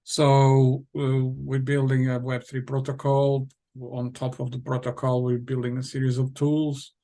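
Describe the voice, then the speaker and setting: A man's voice: medium pitch, completely flat delivery, a little slow, mellow. A middle-aged man with a Portuguese accent, a company founder talking casually as an interview guest, hesitant with many fillers and restarts.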